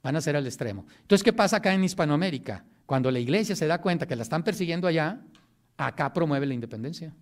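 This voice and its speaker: A man's voice: fairly high pitch, animated, fast. A man giving a history lecture in a classroom, talking in a loose, joking way and often checking in with his students.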